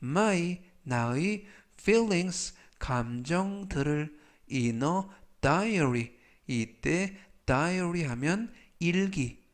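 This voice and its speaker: A man teaching English vocabulary in a scripted lesson, explaining each word slowly and drawing out the English words for pronunciation. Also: fairly high pitch, lively intonation.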